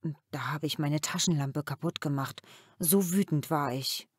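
Woman reading as a gentle, thoughtful father. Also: low-pitched, normal speed, breathy edge, dry recording, clean studio sound. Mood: reflective. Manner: calm, reflective storytelling.

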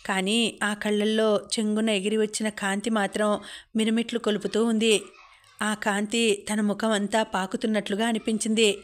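A woman narrating a romance novel as an audiobook, telling the story at a steady pace. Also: medium pitch.

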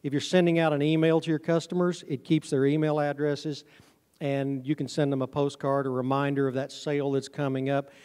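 Speaking quickly and evenly, a middle-aged man with a fairly high, smooth, somewhat mellow voice presents to a conference audience in a folksy, self-mocking manner. He runs a honey farm, and his handheld mic through the PA in the big indoor auditorium is captured from the audience camera with hall reverb.

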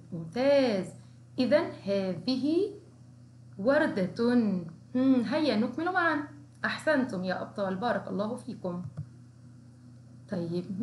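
A woman kindergarten teacher leads a writing lesson, sounding out each syllable slowly and praising the children again and again. Her voice rings in a roomy, echoey space. A faint hiss of noise sits underneath. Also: a little high, a little mellow. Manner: encouraging, slow, sounds out syllables. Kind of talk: recorded Arabic writing lesson for young children.

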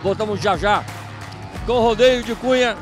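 Music runs in the background as a middle-aged Brazilian man presents live from the booths and outdoor stalls of a rodeo festival. Speaking at normal speed in a high-pitched voice, he delivers event reports and interviews with the hyped emphasis of an announcer, using a handheld microphone.

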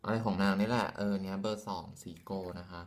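A man with a fairly low voice talks through a makeup tutorial in a loose, rambling way. He fills his sentences with fillers and ends them with polite feminine particles. It sounds like a phone camera recording. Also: fairly even intonation, fast, slight background noise. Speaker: makeup vlogger. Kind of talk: casual makeup tutorial chat.

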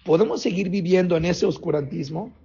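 A man preaching as a rabbi, animated, firing off rhetorical questions. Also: high voice, brisk, vocal fry, husky. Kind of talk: sermon. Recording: dull lo-fi recording.

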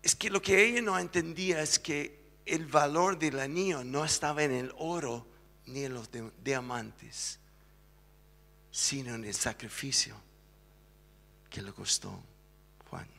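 A man's voice: a little high, a little slow, creaky, pauses often, in a large hall. A male pastor telling a story in a church sermon, acting out the voices as he goes. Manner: lively storytelling, acts out the voices. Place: church sanctuary.

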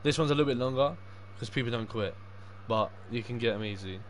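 On a gaming livestream, a young man talks fast in a medium-pitched voice. The chat is casual, peppered with swearing and matey slang, and background noise is clearly audible.

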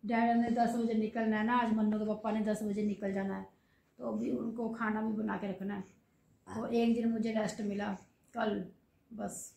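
A mother vlogging at home while unwell, her voice a bit hoarse from a cough, chatting on and rambling. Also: medium pitch, level tone, moderate pace, warm tone. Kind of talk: casual home vlog. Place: home kitchen. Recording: echoey room.

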